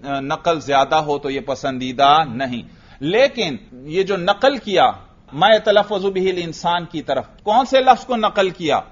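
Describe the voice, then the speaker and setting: A man's voice: a little high, lively intonation, muffled recording. A man teaching a lecture class, explaining step by step and asking himself questions before answering them. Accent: Urdu. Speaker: teacher of Arabic grammar.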